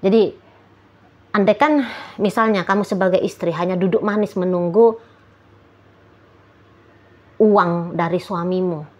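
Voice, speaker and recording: A woman's voice: fairly low pitch, steady tone, unhurried, long pauses. A woman talking straight to a single viewer about their relationship in a casual, chatty way. She keeps returning to little tag phrases and sometimes acts out what a partner might say. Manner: chatty, repeats "gitu ya", acts out quoted lines. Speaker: relationship reader addressing a viewer. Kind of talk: casual advice monologue.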